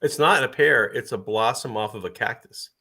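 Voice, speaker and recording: A man's voice: medium pitch, normal speed, bright, forceful tone. A man hosting a casual livestream chat, talking easily and laughing often. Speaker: livestream host.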